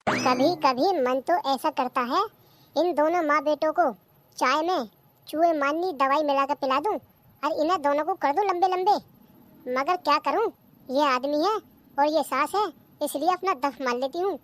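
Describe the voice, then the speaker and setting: A performer voicing a cheeky, lazy young daughter-in-law who talks back, in a cartoon comedy. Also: female voice, high voice, moderate pace, fairly bright tone. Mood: grumbling.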